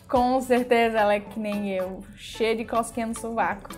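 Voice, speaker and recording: A woman's voice: a little high, fairly even intonation, normal speed. A young adult woman with a Brazilian accent, giving casual, chatty, exclamatory reaction commentary and prone to giggles. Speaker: reaction video host. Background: background music.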